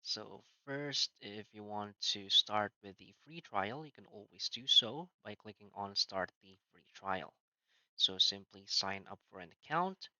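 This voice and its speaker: A man narrates a screen-recorded software tutorial, walking through the setup step by step in plain instructions padded with "so" and "uh." His lowish voice has a very bright, sharp edge. The audio is dry and dull, like a modest lo-fi mic, with no room sound.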